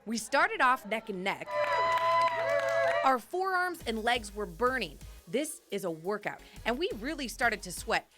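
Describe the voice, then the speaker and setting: A woman's voice: fairly high pitch, very animated, a little slow, over music. A woman hosting a travel show, narrating in a bubbly, enthusiastic way.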